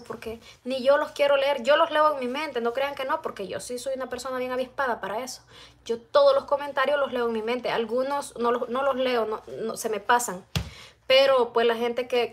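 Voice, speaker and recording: A middle-aged woman, chatting casually on a phone live stream from her home kitchen while cooking and reading out viewers' comments. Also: fairly high pitch. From El Salvador. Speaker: vlogger. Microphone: phone camera close-up.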